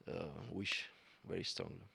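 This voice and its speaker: Deep, gravelly-voiced male pianist. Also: little pitch movement, unhurried, pushed and bright. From Bulgaria. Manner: searching for words, many fillers. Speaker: guest pianist. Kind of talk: conversational interview.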